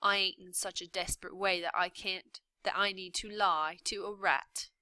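A woman reading aloud, voicing a gruff, rough-spoken male prisoner with a blunt, loud manner. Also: mid-range voice, fairly even intonation, moderate pace, no echo. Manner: rough, blunt, louder delivery.

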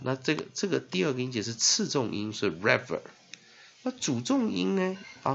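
A man teaching English spelling and phonics in Mandarin with a Taiwanese accent, spelling words out letter by letter and filling pauses with drawn-out "ah" sounds. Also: mid-range voice, gravelly, slight background noise. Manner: spells words letter by letter, heavy fillers, lively emphasis. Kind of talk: classroom-style phonics lesson. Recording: dull lo-fi recording.

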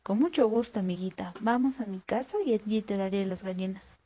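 Woman doing a sly old farmer guy in a kids tale, calm plain voice, mellow. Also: mid-range voice, fairly quick, natural voice. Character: cunning old male peasant farmer.

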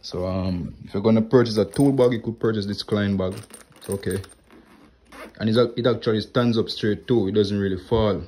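Holding his phone camera close to film his hands, an HVAC technician with a low voice casually presents his tools in a home vlog over a wooden floor. His talk is relaxed, plain and moderately paced, peppered with "like" and "right here." Faint clicks and slight background noise can be heard.

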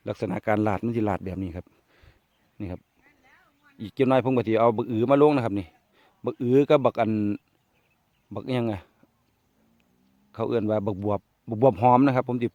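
A man with an Isan accent walks viewers through his farm in a chatty, friendly way. His voice is mellow and dry, recorded outdoors with animal sounds behind him. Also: mid-range voice, dry recording. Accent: Isan (Northeast Thai). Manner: chatty, addresses viewers as brothers and sisters. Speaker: farmer vlogger. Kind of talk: casual farm tour talk.

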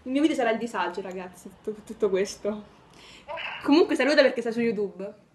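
A woman's voice: a little high, lively intonation, brisk, darkish tone. A teenage girl from Italy making giggly, teasing phone calls to her fans for a vlog, chatting casually.

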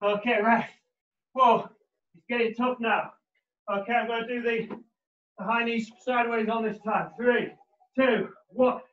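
Working out alongside his viewers indoors in a living room, a thirtyish trainer barks short, energetic gym-bro commands during live instruction. The voice is very high, fairly even in intonation, a little slow and often pausing. Captured by a distant camera mic across the room, the sound is roomy and muffled.

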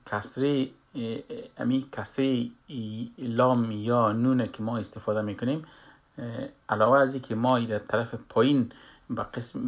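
A man teaches a recitation lesson at an unhurried pace. His delivery is hesitant, broken up by long pauses and drawn-out filler sounds. His voice sits at an ordinary middle pitch. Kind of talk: slow spoken lesson with demonstrations.

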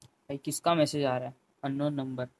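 A man's voice: medium pitch, level tone, moderate pace. A young man, chatting casually with viewers by name on his live game stream and pleading with them at times. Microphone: headphone mic.

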